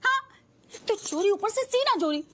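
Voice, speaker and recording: A very high-voiced young wife flinging accusations at her husband in a TV sitcom. Indignant and sharp, she says she is done with him. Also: animated, moderate pace, slight background noise. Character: angry young wife threatening to leave. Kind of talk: sitcom acting.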